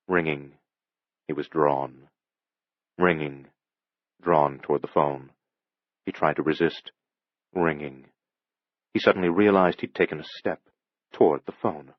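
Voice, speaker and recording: A man giving a measured, dramatic scripted audiobook narration. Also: low voice, breathy edge, no echo, highs cut off.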